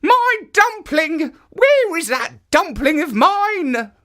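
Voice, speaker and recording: A man voicing a funny, fearless little old woman in a children's story, shrill and wailing with stretched-out words. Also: very animated, slow, sharp tone, heavily acted. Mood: wailing, searching.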